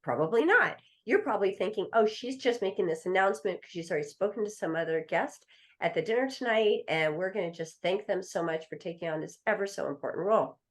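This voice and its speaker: A woman's voice: mid-range voice, expressive, fast. A middle-aged woman, an attorney guest, telling a story in a podcast interview and acting out the voices of the people in it. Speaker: estate planning attorney guest.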